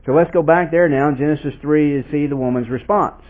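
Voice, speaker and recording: Guy preaching, kinda high voice, chatty, asks the crowd stuff, tinny phone-like sound. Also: a little fast. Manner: conversational, asks the listeners questions; reads scripture aloud with emphasis. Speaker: pastor. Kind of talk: expository sermon.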